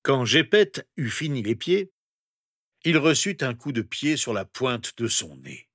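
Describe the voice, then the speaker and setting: A man narrating a children's storybook in a measured, even storytelling manner. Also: medium pitch, no room sound, studio quality. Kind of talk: storybook reading.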